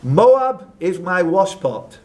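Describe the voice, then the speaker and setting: Speaking slowly in a high, sing-song voice, a man hosts a live quiz in a club room. He reads out questions and chats with contestants in between. The live recording is noisy, with the social club room's ambient sound in the background.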